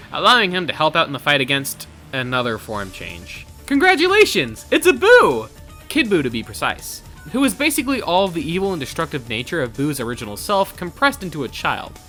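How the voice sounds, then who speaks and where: A man's voice: on the high side, sing-song, a little fast, sharp tone. A man delivering scripted narration for a versus show in a dramatic, theatrical storytelling manner. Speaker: show co-host. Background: faint background music.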